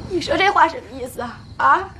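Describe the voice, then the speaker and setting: An actress playing a young wife who has been hit, crying and shouting in a TV drama. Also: female voice, high-pitched, expressive, fast talker, slight background noise, exaggerated voice. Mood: defiant. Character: young wife, sobbing and indignant after being hit. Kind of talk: TV drama acting.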